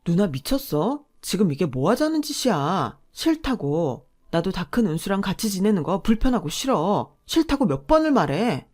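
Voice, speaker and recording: A woman's voice: mid-range voice, big pitch swings, moderate pace, few pauses, darkish tone. A woman voicing a frustrated married man who pleads with his older sister in a radio drama. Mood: exasperated. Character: exasperated younger brother, a married man.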